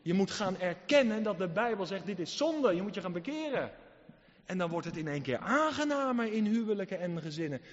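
A man with a fairly high voice preaches a sermon, emphatic and full of rhetorical questions, swinging between loud passages and soft ones. His words ring out with a long reverb from the hall. The sound is dull and lo-fi. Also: sing-song, fairly quick.

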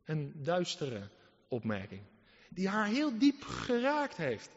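A man with a fairly high voice preaches a sermon, emphatic and full of rhetorical questions, swinging between loud passages and soft ones. His words ring out with a long reverb from the hall. The sound is dull and lo-fi. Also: wildly swooping pitch, slow pace.

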